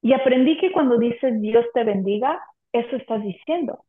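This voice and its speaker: A woman's voice: on the high side, moderate pace. A woman guest giving an earnest, emotional personal testimony of faith in an interview. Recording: echoey room on a tinny phone-like line.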